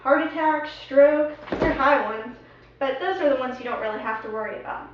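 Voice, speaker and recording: A chatty young woman explains things in a playful, singsong way. Her voice sits high, and it sounds distant and muffled. Strong echo from the room surrounds it. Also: moderate pace, background noise. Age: young adult. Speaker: student presenter. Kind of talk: casual student video skit. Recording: echoey room, far from a dull mic.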